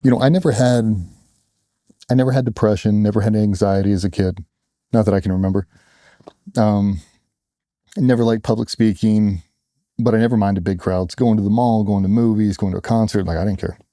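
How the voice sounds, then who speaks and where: A middle-aged former Navy SEAL, appearing as an interview guest, tells his own story candidly in a blunt, casual way, acting out what other people said. His voice is fairly low and steady, with a dark tone, a slightly fast pace, and frequent pauses. The recording is dry and clean, with studio sound.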